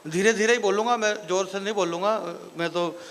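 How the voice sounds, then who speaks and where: Man, stage comic poet; very high, bright voice; chatty crowd banter that rises into recitation. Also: steady tone, brisk. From Marwar, Rajasthan. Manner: jokey banter with the audience, rising into declaiming verse. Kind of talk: live stand-up poetry recital. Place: live stage event before an audience.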